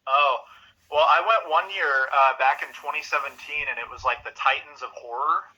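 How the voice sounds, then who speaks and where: A man's voice: on the high side, moderate pace, sharp tone, slightly rough, poor audio. A man as a guest on a podcast, laid-back and swearing in casual chat over a remote call.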